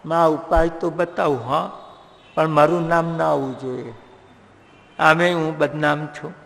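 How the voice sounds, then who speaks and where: Male preacher playing a teasing old-world sage, gravelly, slow, echoey hall. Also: on the high side, steady tone, fairly bright tone. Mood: sly.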